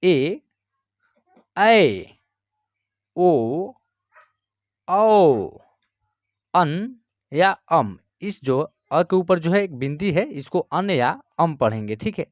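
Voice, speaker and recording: Brief: unhurried teacher voice, letter-by-letter drills, close dry voice-over. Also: mid-range voice, sing-song, a little mellow, dry recording, dull audio. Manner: patient, repeats "theek hai" and "jo hai" fillers. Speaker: online Hindi teacher. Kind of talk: slow letter-by-letter lesson recitation.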